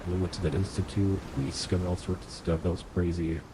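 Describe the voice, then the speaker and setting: Heavy background noise surrounds a young man's live commentary as he streams a game playthrough, chatty and thinking aloud while playing. He sounds nasal from being sick, with a deep, level voice and fast delivery.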